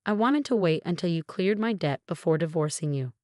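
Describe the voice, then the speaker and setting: A woman voicing a smug, scheming husband in his fifties in a narrated story, mocking and later yelling in panic. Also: fairly low pitch, expressive, brisk, no room sound, clean studio sound, close to an everyday voice.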